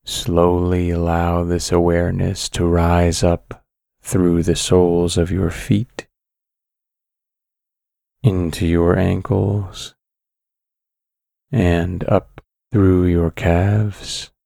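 A man narrating a guided sleep story in a calm, soothing, measured way, with long pauses between phrases. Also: low voice, creaky, no room sound, clean studio sound.

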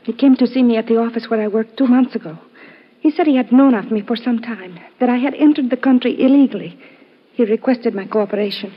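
An actress in a 1950s radio drama voices a frightened, earnest foreign woman, speaking precisely and formally. Her voice is fairly high, husky and a little fast, with an earnest, uneasy mood, on a muffled vintage recording.

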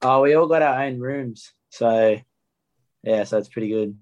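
A man's voice: medium pitch, a little slow, a little mellow, highs cut off. A young man with an Australian accent, a rugby player giving plain, understated answers in a casual interview. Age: young adult.

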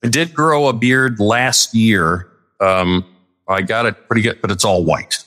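A man's voice: on the low side, unhurried, pushed and bright. A man in his sixties, a retired news anchor, chatting as a guest in an upbeat, teasing way over a remote call. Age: 60s. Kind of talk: casual chat.

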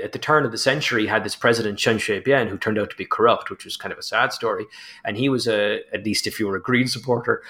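A man's voice: medium pitch, a bit bright. A man, the author guest, explaining and telling anecdotes in a chatty way, peppered with "you know". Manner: chatty, storytelling, frequent "you know" and laughter. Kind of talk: conversational explanation in an interview.

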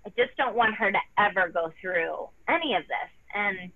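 A woman in her thirties, a former gymnast appearing as an interview guest, speaks over a thin, phone-like line in an emotional personal interview. Her mid-range voice is animated yet tearful, and she halts often, restarting sentences and using many fillers.

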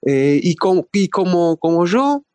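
A man's voice: high-pitched, big pitch swings, unhurried, a little mellow, no echo. A man in his fifties from Israel, a diplomat answering interview questions with many fillers and restarts. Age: 50s. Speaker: diplomat guest.

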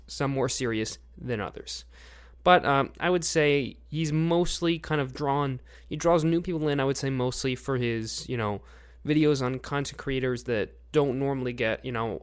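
Male podcast host, young adult, medium pitch, informal and rambling, feels unscripted. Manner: rambling, with frequent pauses to think. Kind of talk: casual unscripted podcast commentary.

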